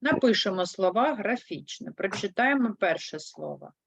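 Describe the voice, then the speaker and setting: A woman's voice: mid-range voice, lively intonation, moderate pace, gravelly, husky, no echo. A woman teaching a third-grade language lesson, explaining patiently and spelling words out syllable by syllable. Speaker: primary school teacher. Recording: dull, lo-fi dry sound.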